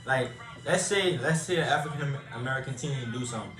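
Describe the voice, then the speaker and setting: A man's voice: medium pitch, fast talker. A young man in a casual group discussion, talking animatedly and repeating himself to make his point. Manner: animated, repeats words, presses to be heard. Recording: echoey room with music behind.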